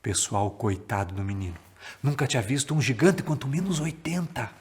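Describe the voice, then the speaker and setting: A man with a Brazilian accent from Paraná, telling a folk tale to children in a lively, theatrical way and stretching words for effect. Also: mid-range voice, moderate pace. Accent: Paraná Brazilian Portuguese. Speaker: storyteller. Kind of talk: children's storytelling.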